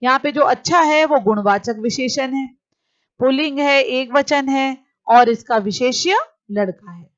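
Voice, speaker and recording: Woman teacher, higher-pitched, slow and deliberate, reading rules off a lesson; dull lo-fi sound. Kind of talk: grammar lesson. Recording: dull lo-fi recording.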